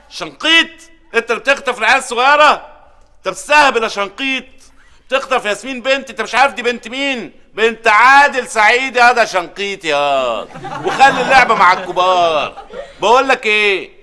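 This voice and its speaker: An actor with an Egyptian accent playing an excitable, doting father who is quick to snap at his slow-witted helper. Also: high voice. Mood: frantic. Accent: Egyptian Arabic. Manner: fast, bright and snappy, quick to shout. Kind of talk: sitcom acting.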